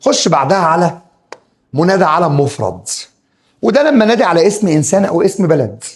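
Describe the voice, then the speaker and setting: A man's voice: on the high side, very animated, quick pace. A man with an Egyptian accent teaching Arabic grammar, drilling rules over and over and acting out his students' questions. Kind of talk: classroom grammar lesson.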